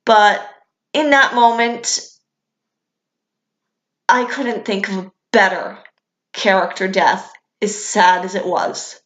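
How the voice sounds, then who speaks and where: A woman's voice: mid-range voice, fairly even intonation, slow, long pauses, a bit bright. Chatty young woman in an echoey room. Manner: chatty, enthusiastic, candid with casual swearing. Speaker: vlogger. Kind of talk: casual fan commentary.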